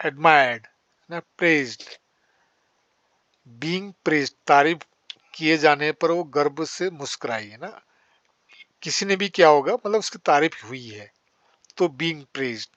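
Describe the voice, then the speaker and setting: A man teaching English grammar in Hindi, explaining with repeated example sentences and saying the English ones very slowly. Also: fairly high pitch, fairly bright tone, dry recording, muffled recording.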